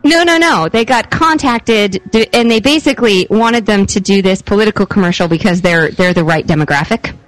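A woman's voice: mid-range voice, a little fast, hardly any pauses, no room sound, soft background music, low-quality recording. Laughing, chatty woman podcast host. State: pregnant. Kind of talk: casual chat.

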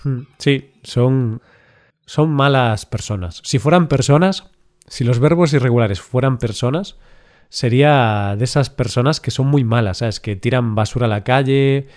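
A man, co-hosting a casual lesson podcast, playful and quick to joke and laugh. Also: medium pitch, a little mellow. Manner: playful, jokes and laughs often. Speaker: Spanish teacher, podcast co-host. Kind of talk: casual chat.

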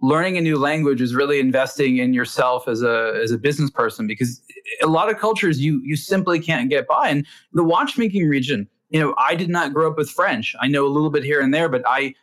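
A man's voice: fairly high pitch, fairly quick, fairly bright tone. A man interviewing a guest in casual conversation, earnest and reflective.

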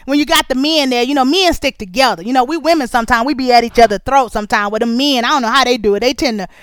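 Female host, high ringing voice, chatty colloquial storyteller, dry close sound. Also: clear, resonant tone, no echo. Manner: chatty, nosy and animated, talking straight to listeners; colloquial, drawn-out asides and repeated phrases. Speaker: podcast host. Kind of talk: casual storytelling monologue.

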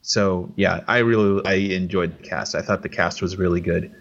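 Podcast co-host, male, low voice, rambling casual delivery, muffled lo-fi sound. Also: fairly even intonation, normal speed, fairly bright tone. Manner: rambling, many restarts and fillers. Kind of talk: casual chat.

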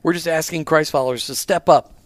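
A man's voice: fairly high pitch, brisk, no room sound. A man hosting an interview show on location, talking in an enthusiastic, chatty way. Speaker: show host.

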